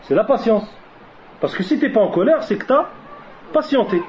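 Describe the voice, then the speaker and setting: A man's voice: high-pitched, animated, moderate pace, darkish tone. A man giving a religious lesson who keeps asking questions and answering them himself, mixing Arabic religious phrases into his French and repeating key lines for emphasis. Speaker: preacher. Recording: dull lo-fi recording with faint noise.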